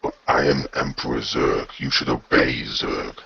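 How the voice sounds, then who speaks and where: A man voicing an evil, imperious space emperor villain in a radio play, with a very deep, rasping voice and slow menace. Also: steady tone, sharp tone, highs cut off, full character voice. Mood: indignant.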